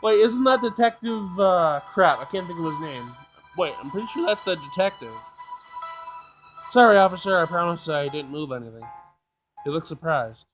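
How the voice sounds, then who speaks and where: Reading game text aloud with expression, a gaming video host stumbles, goes back over lines, and mixes in his own remarks. His voice is on the high side at a normal speed, the recording is rough, and game music plays in the background.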